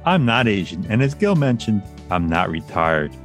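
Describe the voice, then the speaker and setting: Deadpan low-voiced man co-host. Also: normal speed, faint music behind. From Long Island, New York. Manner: dry, deadpan jokes. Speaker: podcast co-host. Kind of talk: scripted podcast intro and guest bios.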